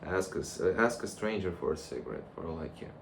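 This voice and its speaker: A man's voice: deep voice, fast talker. A young man rambling casually and reflectively to a camera, in a loose conversational monologue. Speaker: vlogger. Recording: clear background noise.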